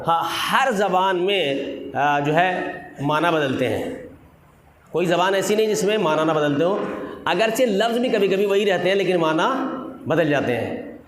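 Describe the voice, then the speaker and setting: A man's voice: high-pitched, expressive, slight background noise. A man preaching to a seated gathering, stretching out key words and asking the audience rhetorical questions. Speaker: Shia cleric giving a religious lesson. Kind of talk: sermon-style religious talk. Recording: echoey hall with faint ambience.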